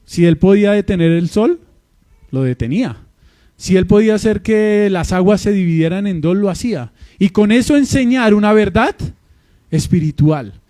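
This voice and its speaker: A man's voice: sits high, animated, normal speed, warm tone, no echo. A man with a Colombian accent preaching an expository sermon in church, often asking the congregation questions and answering them himself. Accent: Colombian Spanish. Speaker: pastor. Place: church with babies heard in the back.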